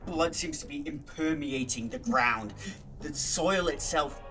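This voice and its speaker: A man's voice: fairly high pitch, crowd noise. A man narrating as game master of a tabletop game, his call audio choppy and breaking up. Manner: slow, grim scene description. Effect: choppy voice-call audio breaking up and glitching.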